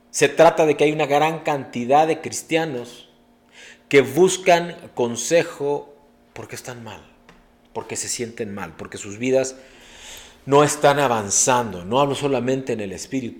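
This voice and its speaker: A man's voice: mid-range voice, unhurried, pauses often. A middle-aged man preaching a sermon as a pastor, earnest and preacherly, with sudden emphatic rises.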